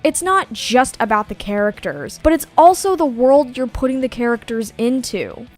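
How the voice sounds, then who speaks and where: A woman's voice: fairly high pitch, expressive, normal speed, darkish tone, faint music behind. A woman delivering a scripted review rant in a blunt, scornful tone. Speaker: co-reviewer in a played clip.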